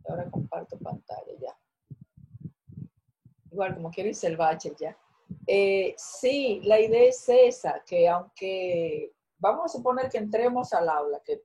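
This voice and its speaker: A woman's voice: medium pitch, mellow, poor audio. A woman teacher giving an online class on a video call, explaining and correcting student work with encouragement. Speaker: university teacher.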